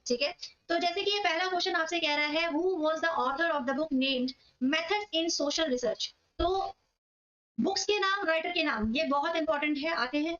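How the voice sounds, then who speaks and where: A woman's voice: high-pitched, fairly bright tone, highs cut off. A woman teaching a Hindi exam-prep lesson, explaining step by step, checking in with her students, and reading English questions aloud word by word.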